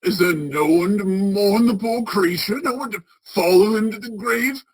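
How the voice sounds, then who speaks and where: A woman playing an excitable, repentant old male miser in a radio play, stammering and exclaiming. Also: mid-range voice, moderate pace, breathy edge, natural voice. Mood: fearful, mournful. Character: frightened old male miser, desperately repentant, then giddy.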